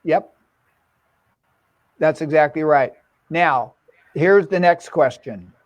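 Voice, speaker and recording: A man's voice: a little high, slow pace, dry recording, highs cut off. A man giving an enthusiastic online dental lecture, quizzing his audience with repeated questions.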